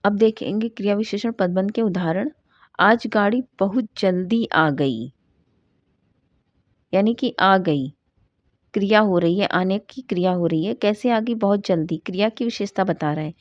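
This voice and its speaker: A woman teaching a grammar class at a middle pitch. She asks a question, then answers it herself, and slows down to read each example sentence. The recording is dull and lo-fi, with a dry, close sound. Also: darkish tone, no echo. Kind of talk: Hindi grammar lesson.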